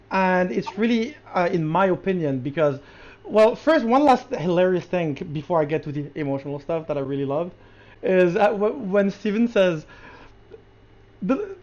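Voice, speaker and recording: Podcast co-host, casual film chat, excitable, many restarts, slightly muffled lo-fi audio. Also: medium pitch.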